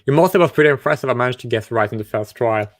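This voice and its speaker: An online video chat host talks casually with strangers, asking curious questions and frequently stumbling and starting his sentences over. His voice is medium in pitch and very fast.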